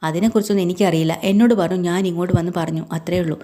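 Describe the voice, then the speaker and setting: Brief: woman retelling as a blunt, angry working man, gruff and short-spoken, in a low, mellow tone. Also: steady tone, racing, lightly acted. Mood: curt, irritated. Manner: gruff and curt.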